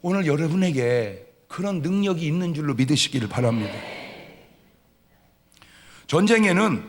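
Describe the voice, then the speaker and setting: A man preaching a lively Sunday sermon as pastor, telling stories with acted-out dialogue and swinging from loud shouts to quiet asides. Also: on the high side, normal speed. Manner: humorous storytelling with acted-out dialogue. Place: church sanctuary. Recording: long hall reverb of a church.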